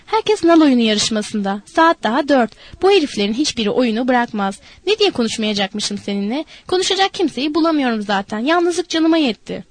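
Woman reading as a lonely restless young wife, eager, rushing, pleading, fairly high voice, dry close sound. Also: animated, dry recording. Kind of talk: audiobook character voice.

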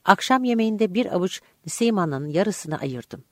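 An audiobook narrator reading a first-person story aloud in an expressive, vivid way. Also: medium pitch, a little slow, no room sound, clean studio sound.

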